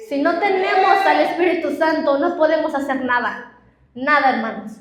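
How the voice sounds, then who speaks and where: A young adult woman, a pastor, preaches a sermon in church, sharing personal stories and often speaking directly to the congregation. Her voice is high and her pace normal, with a roomy sound and a noisy background.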